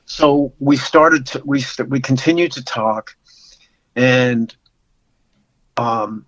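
A man in his sixties tells a personal story in a halting, stop-start way, often doubling back on his words. His pitch sits mid-range for a man. The recording is dry and a little muffled and lo-fi. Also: fairly bright tone, no echo. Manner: halting, with many restarts and repeated words. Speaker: podcast guest. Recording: dull lo-fi sound.

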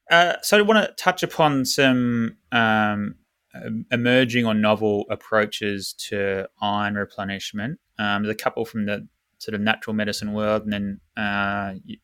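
A man with a bright, forceful voice hosting a podcast interview, recorded dry and close. He asks his questions haltingly, stopping and restarting often. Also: on the low side, steady tone, smooth, dry recording. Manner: hesitant, many fillers and restarts. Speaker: podcast host.

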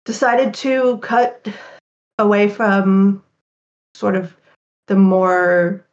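A woman who writes about games, talking quickly and animatedly as a podcast guest, with fillers. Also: medium pitch, lo-fi sound. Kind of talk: casual interview chat.

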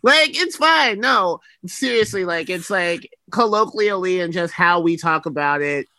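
A man with a bright, androgynous voice that can pass for a woman's. He talks as a candid interview guest, blunt and slangy, with emphatic delivery and a very dry sound. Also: sits high, animated, unhurried, no echo. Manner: androgynous voice, often taken for a woman's. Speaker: guest, writer. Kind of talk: casual, candid interview chat.

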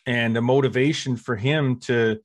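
A man co-hosting a podcast, speaking in a supportive, thoughtful, halting way. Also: medium pitch, steady tone, dry recording, studio quality. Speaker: podcast co-host. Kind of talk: casual podcast chat.

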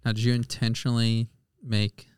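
A man's voice: medium pitch, level tone, moderate pace, clean tone, no room sound, studio quality. A man co-hosting a podcast, joking playfully and chiming in with agreement. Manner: playful, jokey, lots of agreeing. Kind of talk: casual chat.

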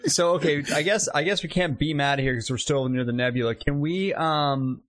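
Halting, casual male game player. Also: a little high, fairly bright tone. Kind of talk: casual chat.

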